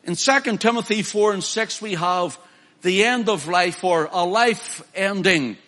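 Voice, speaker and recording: A male preacher, his voice high and bright. He preaches emphatically, rising to loud declamations and dropping to soft, personal appeals. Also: unhurried. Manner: emphatic, swings from loud declaiming to quiet pleading. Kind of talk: sermon.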